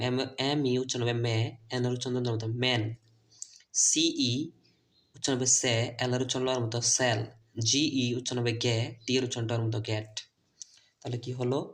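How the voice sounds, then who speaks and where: Guy teaching english phonics, spells letters out and repeats words, bengali first language, medium pitch. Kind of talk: phonics lesson video.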